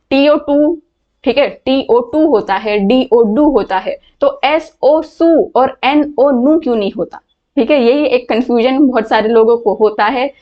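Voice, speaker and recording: A woman with a fairly high voice gives an online English lesson. She explains patiently and repeats words so her students can hear how they sound. The audio is muffled and lo-fi. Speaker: English teacher. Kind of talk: online class lecture.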